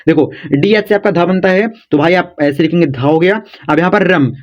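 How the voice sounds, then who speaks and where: A man's voice: high-pitched, fairly quick, highs cut off. A man giving a casual spoken lesson as a teacher, patient and repetitive, coaxing his students along. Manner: repetitive, coaxing, says "dekho" and "yaar" often.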